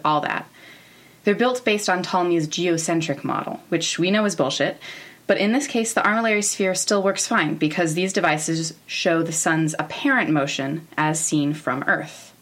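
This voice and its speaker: An American woman in her thirties, from Oregon, narrating an educational show in an informal, wry, candid way. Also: lowish voice. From Oregon, United States. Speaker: podcast host. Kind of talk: semi-scripted educational narration about space history.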